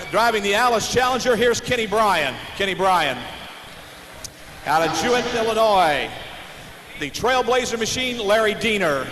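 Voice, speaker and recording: Man, American accent, tractor pull announcer, high voice, showy drawn-out introductions, heavily echoing PA, background noise. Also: a bit bright. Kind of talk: live arena announcing, introducing competitors. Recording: noisy, echoing arena PA with long reverb.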